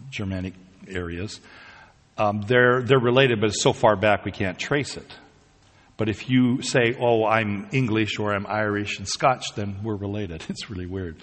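A man with a husky, breathy voice preaches in a church hall. His words ring out with a long reverb tail as he moves from easy conversational asides to emphatic, rising declarations. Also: lowish voice, measured pace. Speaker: pastor. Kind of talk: sermon.

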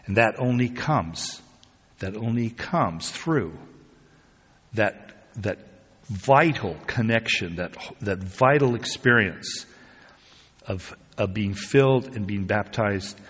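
Husky-voiced man preaching in a reverberant hall. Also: lowish voice, expressive, takes it slowly, pauses often, a bit bright. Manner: conversational, rising to emphatic peaks. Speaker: pastor. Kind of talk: sermon.

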